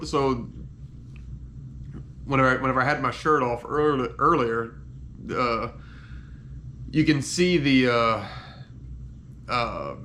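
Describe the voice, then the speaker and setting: A man recording a casual video diary while in pain and on painkillers after surgery, congested with a head cold, speaking haltingly and trailing off. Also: mid-range voice, fairly bright tone, a little hiss or hum. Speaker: patient giving a recovery update.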